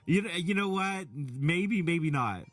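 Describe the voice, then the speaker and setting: A middle-aged man chatting casually while reading out chat, rambling and animated with many restarts. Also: on the high side, slow pace, distant mic. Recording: from the mic, faint music behind.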